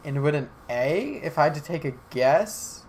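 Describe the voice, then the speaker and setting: A man's voice: a little high, animated, normal speed, darkish tone, slight background noise. A young man from Alabama co-hosting a casual podcast, joking around, swearing freely and rambling. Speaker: podcast co-host. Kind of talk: casual chat.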